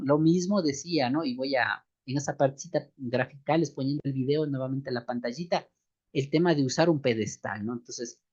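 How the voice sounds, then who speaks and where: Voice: medium pitch, a little mellow, lo-fi sound. A seminary instructor lecturing a church class on microphone technique, often ending phrases with questioning asides and calling listeners beloved brothers and sisters. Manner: frequent questioning tag asides to students.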